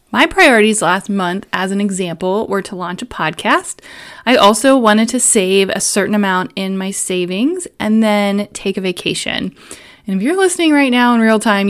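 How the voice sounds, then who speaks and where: A woman in her thirties hosting an instructional solo podcast, talking through advice in an upbeat, orderly, step-by-step way. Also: medium pitch. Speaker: podcast host giving planning advice.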